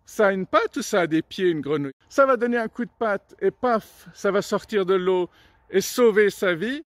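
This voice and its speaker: A man's voice: high voice, expressive, normal speed, no room sound. A man casually telling jokes and little stories, chatty and digressive, with plenty of filler sounds. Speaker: storyteller. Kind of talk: casual joke and story telling.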